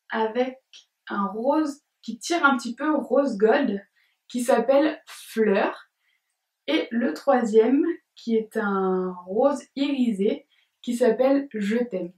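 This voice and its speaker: Young female beauty vlogger, unhurried and gentle, somewhat high voice, distant roomy sound. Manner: slow, gentle, describing each shade with small laughs. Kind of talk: makeup review and swatches.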